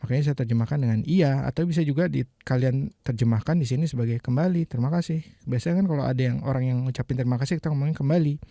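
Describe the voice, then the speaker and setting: A male English teacher explaining phrases in a relaxed, chatty way, repeating phrases slowly as he explains. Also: mid-range voice, vocal fry, dry recording. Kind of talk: casual explanatory lesson.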